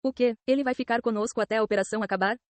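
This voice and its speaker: A woman's voice: on the high side, fairly even intonation, very fast, no echo, close to an everyday voice. A woman with a Brazilian Portuguese accent reading a jealous young man's threatening lines. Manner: threatening, angry. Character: young man, jealous, hot-tempered rival.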